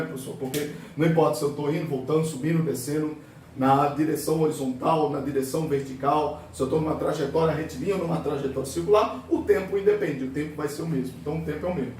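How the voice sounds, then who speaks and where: Man teaching physics, high voice, heavy echo, distant mic, quizzes himself. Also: darkish tone, a little hiss or hum. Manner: asks and answers his own questions, voices students' objections. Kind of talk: classroom lecture. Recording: very echoey room, voice far from mic.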